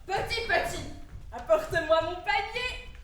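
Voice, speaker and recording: A woman's voice: very high-pitched, a little slow, fairly bright tone. A woman playing a cheeky, food-loving mocker in a stage comedy, teasing and mimicking theatrically. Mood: mocking, gleeful. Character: cheeky food-loving mocker who parodies a pompous general. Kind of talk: comic stage theatre acting. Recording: echoey hall from far off, faint noise.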